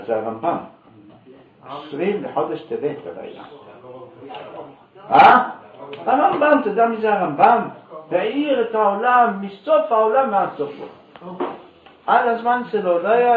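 A man telling a lively religious story as a sermon, acting out the people in it. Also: sits high. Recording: echoey, distant, phone-like sound.

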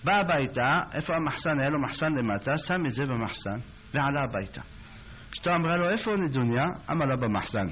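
A man giving a religious talk, telling stories with animated voices for the people in them. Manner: animated storyteller, acts out characters, rises high when excited. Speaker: rabbi or preacher. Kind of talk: sermon with storytelling. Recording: dull lo-fi recording with faint noise.

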